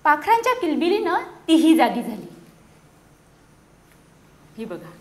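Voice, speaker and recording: A woman's voice: sits high, measured pace. A woman teacher reading a picture book aloud to children in a classroom, often stopping to ask them questions. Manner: animated, keeps questioning the children. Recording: echoey classroom.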